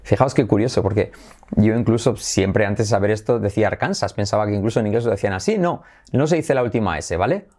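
A man's voice: fairly low pitch, expressive, quick pace, darkish tone. A man with a Spain Spanish accent, teaching English pronunciation in an upbeat online lesson. He repeats words for drilling and drops in English phrases.

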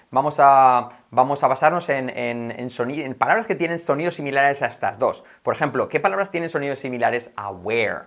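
A chatty man from Spain with a Spanish accent teaches English in a relaxed lesson. His voice sits at an ordinary middle pitch. He switches freely between Spanish and English and repeats practice words like drills. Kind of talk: casual language lesson.

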